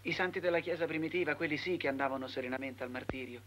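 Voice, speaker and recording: An actor playing a timid priest who grows sly and wheedling, in a film comedy. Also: male voice, on the high side, rapid-fire, fairly bright tone.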